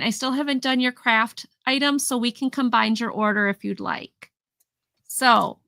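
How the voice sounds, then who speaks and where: A woman's voice: sits high, bright, forceful tone, dry recording. A woman hosting a casual live vintage sale, chatting as she describes each item in detail and counts down the sales. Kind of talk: casual live-stream selling.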